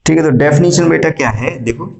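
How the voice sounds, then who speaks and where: A male math teacher lecturing a classroom, quizzing students and repeating key statements slowly. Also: a little high, vocal fry, a little mellow. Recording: echoey classroom.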